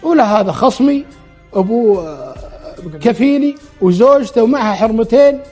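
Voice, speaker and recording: Guy telling a story, really high voice, keeps quoting who said what. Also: lively intonation, normal speed, mellow, soft background music. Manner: retells dialogue in quotes, frequent restarts. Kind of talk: spoken storytelling.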